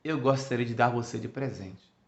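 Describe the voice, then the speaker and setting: A man voicing a frail, gravely ill young boy who speaks softly and earnestly in a spiritist talk. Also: medium pitch, normal speed, slight background noise, close to an everyday voice. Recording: echoey room, muffled sound.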